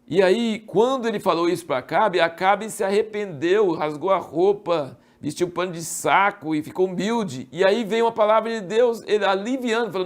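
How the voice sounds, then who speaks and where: A man with a Brazilian Portuguese accent giving a casual Bible study summary, talking conversationally and acting out quoted lines with sudden jumps in pitch. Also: creaky. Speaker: Bible teacher.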